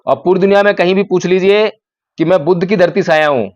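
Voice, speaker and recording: A man's voice: high voice, fast talker, dry recording, highs cut off. A man giving a Buddhist dharma talk to a gathering, repeating phrases and asking his listeners rhetorical questions. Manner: asks the audience rhetorical questions. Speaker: Buddhist speaker.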